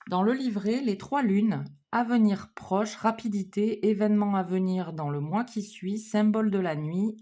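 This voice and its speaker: A woman's voice: lowish voice, warm tone. A woman, chatting casually as she reads oracle cards on her channel, with many fillers and self-corrections. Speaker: card reader, channel host. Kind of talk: casual card-reading vlog.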